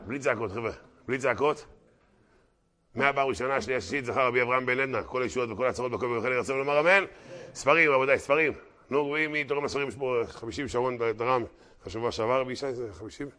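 A male rabbi giving an animated Torah lesson to a live audience, breaking into loud exclamations, then rallying donations in quick patter. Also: medium pitch. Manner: dramatic, bursts into loud exclamations; brisk auctioneer-like fundraising patter. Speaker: rabbi teaching a Torah class. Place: class hall with a live audience.

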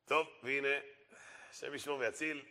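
A man's voice: mid-range voice, fairly even intonation, sharp tone. A man giving a storytelling sermon, stressing points by repeating phrases emphatically. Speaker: preacher.

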